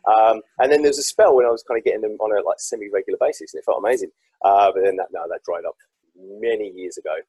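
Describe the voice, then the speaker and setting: A man chats as a podcast guest, his speech rushing along at a brisk clip. His voice is deeply husky and sits a little low. The sound is close and dry, and he tells his stories with animated self-deprecation. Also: no echo, rough recording. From South East England. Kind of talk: casual podcast chat.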